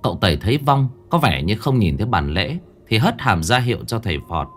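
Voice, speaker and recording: Animated male ghost story narrator. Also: fairly low pitch, brisk, a little hiss or hum. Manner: dramatic, animated.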